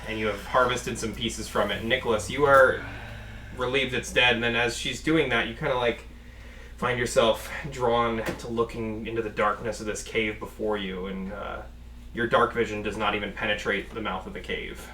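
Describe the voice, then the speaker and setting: A man's voice: lowish voice, flat delivery, normal speed, bright, forceful tone. A man working as game master, narrating a tabletop game in a casual, conversational way. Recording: roomy, distant mic, faint noise.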